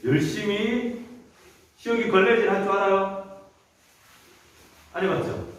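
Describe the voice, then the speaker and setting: A man's voice: high voice, measured pace. A man leading a children's sermon, telling the story and asking the children frequent questions. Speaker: children's worship leader. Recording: echoey church hall from a distance.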